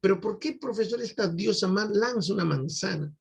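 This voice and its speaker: Man playing a curious young student, incredulous questions, gravelly. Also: high voice, animated, fairly quick, pitched above the performer's own voice, full character voice.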